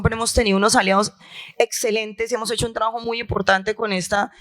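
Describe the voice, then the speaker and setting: Her voice is medium-pitched and a bit bright as this health insurer leader from La Guajira, Colombia, addresses a panel in a conference hall. She speaks with passion and emphasis, repeating herself for rhetorical effect.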